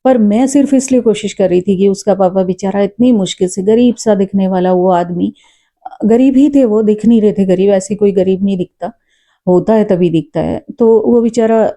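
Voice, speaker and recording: A woman, a mother, earnestly recounting something she witnessed in a casual, reflective way, pausing often with fillers. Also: mid-range voice. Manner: says she talks loud and forcefully. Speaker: storyteller vlogger. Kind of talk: casual spoken storytelling.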